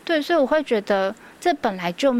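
A woman's voice: high-pitched, expressive, fairly quick. A woman with a Taiwanese Mandarin accent, a preschool teacher guest on a radio interview, telling stories earnestly with many fillers.

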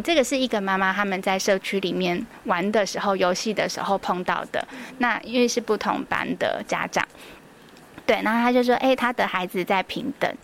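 A woman's voice: mid-range voice, slight background noise. Earnest Taiwanese Mandarin woman teacher. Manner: earnest, storytelling, many fillers. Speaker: preschool teacher guest. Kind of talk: radio interview.

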